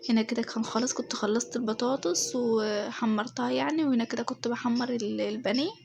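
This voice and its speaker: A woman's voice: on the high side, fairly even intonation, quick pace, vocal fry, a little mellow, a little hiss or hum. A woman with an Egyptian accent, chatting through a voice-over of her home routine with lots of fillers and check-ins with viewers. Her voice sounds a little off. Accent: Egyptian Arabic. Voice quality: slightly changed, a bit off. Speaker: home vlogger.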